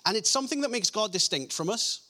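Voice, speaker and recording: A man preaching a sermon, reading scripture passages in a lower, softer voice and slowing down to stress key lines. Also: animated.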